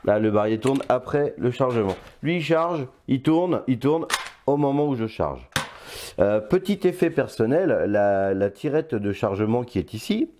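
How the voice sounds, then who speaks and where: A man's voice: mid-range voice, lively intonation, moderate pace, mellow. An older man reviewing a toy blaster in casual, playful chat, often stopping to hesitate. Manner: chatty and playful, with many hesitations.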